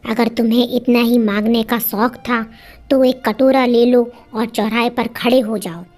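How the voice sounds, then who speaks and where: A woman's voice: a little high, fairly even intonation, unhurried, darkish tone, close to an everyday voice. A woman voicing a mistreated young wife who pleads at times and defies her husband at others. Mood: defiant. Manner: pleading and defiant. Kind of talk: storytelling with acted dialogue.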